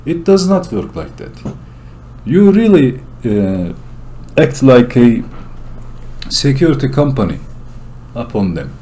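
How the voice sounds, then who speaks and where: A man from Turkey with a Turkish accent gives a solo commentary monologue in English, explaining his points earnestly and deliberately. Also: mid-range voice, big pitch swings, mellow. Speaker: channel host.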